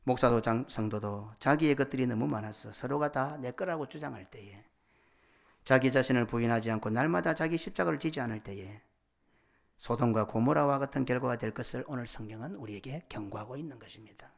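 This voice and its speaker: A middle-aged man preaching a sermon as senior pastor, swinging from loud cries to hushed whispers. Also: medium pitch, a little fast, gravelly. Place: church sanctuary.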